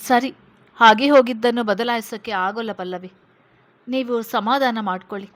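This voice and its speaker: A woman voicing a protective male police officer who reassures a frightened witness in a steady, firm way. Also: a little high, normal speed, close to an everyday voice. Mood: reassuring.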